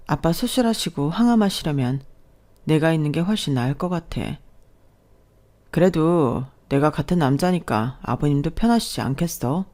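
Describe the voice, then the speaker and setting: A woman voicing a kind, soft-spoken young husband who apologizes and reassures his wife. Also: low voice. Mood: reassuring.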